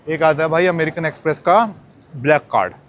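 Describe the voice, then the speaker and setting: A man's voice: fairly high pitch, brisk, a bit bright. Chatty young man vlogging at an airport. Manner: chatty, addresses viewers as brothers. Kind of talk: casual vlog chat. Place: busy airport terminal.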